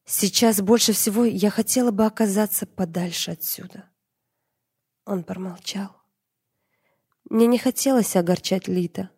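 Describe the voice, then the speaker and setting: A woman reading a dark fantasy novel as an audiobook narrator, in a measured, dramatic way. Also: lowish voice, slightly rough.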